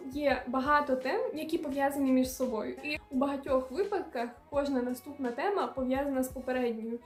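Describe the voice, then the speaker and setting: A woman's voice: high voice, roomy sound. A young woman from Ukraine, a student vlogger giving earnest, direct study advice. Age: young adult. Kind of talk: advice vlog.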